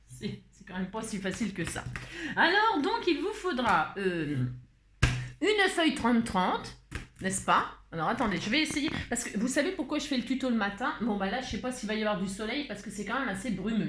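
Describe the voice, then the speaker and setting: A woman's voice: mid-range voice, expressive, fairly quick, a bit bright, slight background noise. Chatty Burgundian woman in an echoey room. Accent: Burgundian French. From Burgundy, France. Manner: rambling, chatty, laughs at herself often. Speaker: craft vlogger. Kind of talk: casual chat and craft tutorial. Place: indoor room away from home.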